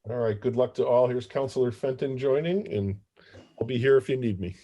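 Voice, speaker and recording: A man with a relaxed, mellow voice at a middle pitch hosts a conference call. He is polite and courteous as he moderates the online meeting. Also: fairly quick, dull audio. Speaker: meeting host and technical moderator. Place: remote video conference call.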